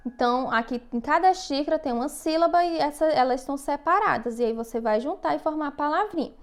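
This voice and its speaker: A Brazilian Portuguese-accented woman with a high voice talks young pupils through their worksheets in a recorded lesson. She dictates words slowly and patiently and keeps checking that the children are following. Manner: patient, slow dictation with frequent "tá bom?" checks. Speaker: first-grade teacher. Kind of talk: recorded remote class instructions.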